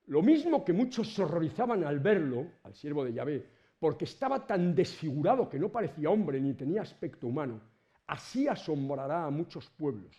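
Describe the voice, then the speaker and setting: Lively Spanish-accented male lecturer. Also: a little high, a little fast, lo-fi sound. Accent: Spain Spanish. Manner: colloquial, animated, swears casually. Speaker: university lecturer. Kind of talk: informal lecture to students.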